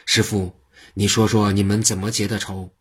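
Guy playing a sly bandit acting all friendly, low husky voice. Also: little pitch movement, normal speed. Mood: ingratiating. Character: scheming bandit posing as a gallant swordsman.

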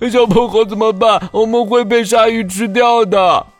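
A man's voice: high-pitched, steady tone, measured pace, faint music behind. A man voicing a timid, greedy, childlike pig in a children's audio story, whiny, naive and exclamatory. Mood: terrified, wailing.

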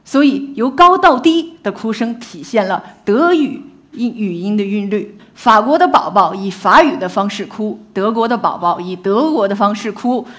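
A female scientist gives a lively, engaging public talk about how infants learn language, frequently posing questions to her audience. Her voice is mid-range and she speaks at a normal speed.

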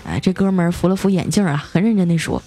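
A woman's voice: lowish voice, quick pace, mellow, faint music behind. A woman hosting a comedy podcast, reading out listener jokes in a playful, teasing way and putting on voices for the characters. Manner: playful, teasing, self-mocking, laughs often; acts out quoted characters with shifting voices.

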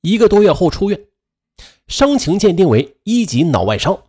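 A man's voice: sits high, sing-song, moderate pace, a little mellow, husky. A man narrating a family true-crime story in a dramatic storytelling manner, drawing out his filler particles.

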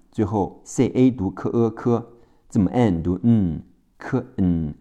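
A man teaching English vocabulary in a phonics lesson, spelling each word letter by letter and repeating it slowly. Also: fairly low pitch, dark tone.

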